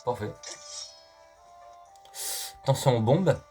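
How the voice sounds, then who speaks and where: A man's voice: mid-range voice, expressive, slow, warm tone. A man giving casual, joking gameplay commentary as a let's play host, talking to the game and viewers, with faint game music behind.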